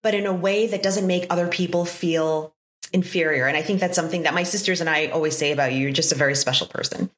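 A woman's voice: on the low side, steady tone, fast. Effusive woman host, echoey room. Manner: warm and effusive, with lots of fillers. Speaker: podcast host. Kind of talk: casual interview conversation.

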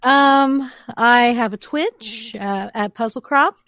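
A woman's voice: on the high side, takes it slowly, crowd noise. A woman guest on a podcast, chatting casually and laughing often. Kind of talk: casual chat.

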